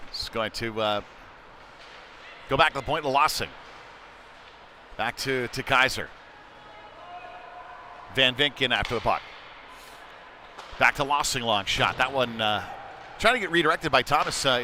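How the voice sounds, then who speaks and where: At an indoor ice rink, a man calls a youth hockey game play by play, his phrasing conversational and somewhat hesitant between plays. His voice is mid-range, with background noise audible.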